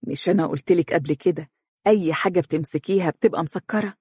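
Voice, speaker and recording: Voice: medium pitch, fast, husky, dry recording, close to an everyday voice. A storyteller voicing a joking, affectionate husband in Egyptian dialect, close to the reader's own voice. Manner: warm joking, mock-stern. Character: joking, affectionate husband who plays stern. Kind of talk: storybook reading.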